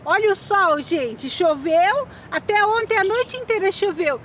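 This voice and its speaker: Woman vlogging on her phone, really high squeaky voice, slow jittery chatter, bit of outdoor noise. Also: animated, fairly bright tone. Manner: nervous, exclaiming, chatty. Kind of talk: casual vlog narration. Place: open cable-car chair outdoors. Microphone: handheld phone.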